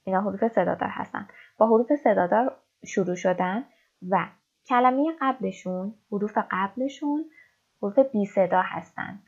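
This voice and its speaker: A woman teaching English in a recorded lesson, with a gravelly, fry-edged voice at a middle pitch. She explains each point step by step and slows down to read the example sentences. The recording is dull and lo-fi. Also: darkish tone. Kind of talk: recorded online language lesson.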